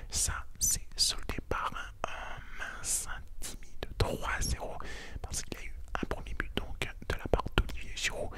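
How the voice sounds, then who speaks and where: A man speaks entirely in a soft, unvoiced whisper. He sounds very close, right in your ear, in an intimate ASMR style. He hosts a relaxed sports debrief, talking the listener through it quietly. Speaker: ASMR video creator and host.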